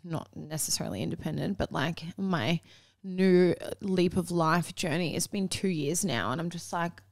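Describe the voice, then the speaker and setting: Woman, late twenties, podcast co-host, casual chatter, lowish voice, dry close sound. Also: no echo. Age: 20s. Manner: chatty, swearing, quick laughs. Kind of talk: casual chat.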